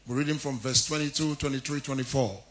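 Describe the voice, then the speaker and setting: A man's voice: medium pitch, steady tone, fast talker, a bit bright, slight background noise. A man preaching a sermon in a church, jovial and laughing often, repeating key phrases with rising emphasis. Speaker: pastor.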